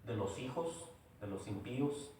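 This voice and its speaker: A man's voice: mid-range voice, lively intonation, measured pace, dark tone, slight background noise. A man preaching a sermon in a church, emphatic and repetitive, often asking rhetorical questions. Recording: very echoey room, voice from far off.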